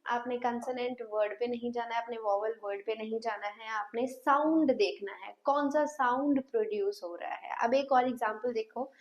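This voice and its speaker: A woman's voice: a little high, normal speed, hardly any pauses. A woman teaching an English grammar lesson, asking her class questions and repeating sounds patiently. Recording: dull lo-fi sound.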